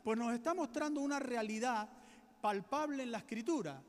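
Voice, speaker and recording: A man with a Spanish accent preaching a sermon as a pastor, earnest, slowing down to stress key points. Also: extremely high pitch, in a large hall. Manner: earnest preaching, slows right down for emphasis.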